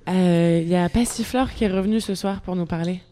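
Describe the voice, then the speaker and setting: A woman's voice: fairly low pitch, a little fast, mellow, a little hiss or hum. A woman hosting a comedy radio show, hesitant with many fillers.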